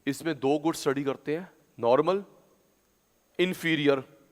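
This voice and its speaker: A male teacher giving a classroom lecture, drilling terms through loud, chanted call-and-response repetition. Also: fairly high pitch, measured pace. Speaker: commerce teacher. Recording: long hall reverb.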